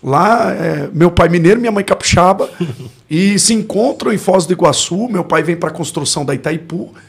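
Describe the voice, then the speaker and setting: As a guest on a podcast, a Brazilian pastor in his forties reflects on his life story, often pausing to find words, in a Brazilian Portuguese accent. He has a high-pitched, expressive voice with vocal fry and a breathy edge, at a moderate pace.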